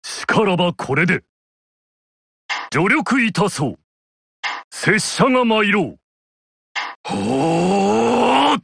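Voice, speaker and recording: An actor voicing a proud, honorable male warlord general in a video game, trading battle cries and formal, old-fashioned commands with a husky voice. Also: high-pitched, slight background noise, full character voice. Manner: archaic samurai-style formal speech, shouted battle cries. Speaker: game character voice.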